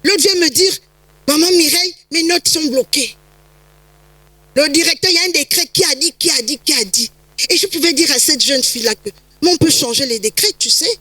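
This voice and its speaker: A woman pastor delivers a sermon in a high, bright voice, repeating phrases and building to emphatic peaks. The sound is close and dry, with no room around it. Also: fast talker, dry recording, rough recording. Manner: emphatic preaching, rising to shouts, frequent repetitions.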